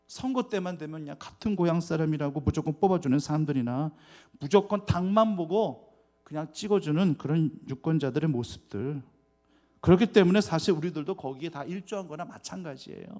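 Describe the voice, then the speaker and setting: A man preaching as a pastor in a church. He keeps asking the congregation rhetorical questions and swings from loud, stressed words to quiet asides. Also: a little high. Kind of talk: sermon. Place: church sanctuary.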